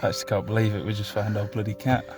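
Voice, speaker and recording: A woman's voice: extremely low pitch, level tone, fast talker, over loud music, rough recording. A woman vlogging her camper van build in a cheerful, chatty way, with some mild swearing, outdoors in a village. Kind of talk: casual vlog chat.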